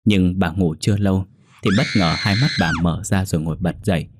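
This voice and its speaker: A man narrating a ghost story in a calm, measured way. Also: sits low, background noise. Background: faint music.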